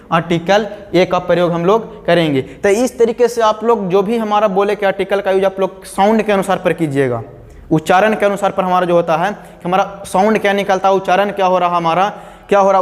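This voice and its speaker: A male teacher, giving a grammar lesson step by step and often asking his students questions. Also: sits high. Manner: explains step by step, repeats key words, asks the class questions. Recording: long hall reverb.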